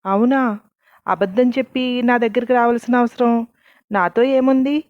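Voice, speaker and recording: A woman's voice: fairly high pitch, normal speed, no echo, phone-quality sound, pitched above the performer's own voice, lightly acted. A woman voicing a wary, defensive young college student in a storybook reading, with a suspicious, questioning manner.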